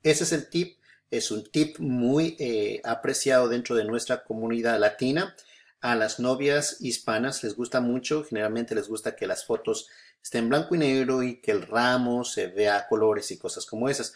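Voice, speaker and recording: A man hosting a software tutorial, patient and repetitive, filling pauses with "eh" and often checking "¿no es cierto?". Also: medium pitch. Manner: patient, repeats steps, frequent filler "eh" and "¿no es cierto?". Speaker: photography tutorial host. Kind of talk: screen-recorded software tutorial.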